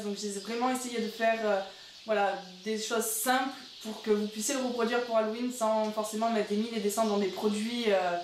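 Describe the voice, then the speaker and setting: A young woman narrating a casual makeup tutorial as a vlogger, chatty and joking at her own expense. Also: on the high side. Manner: chatty, with frequent "donc" and light self-mocking asides. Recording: roomy sound with faint background noise.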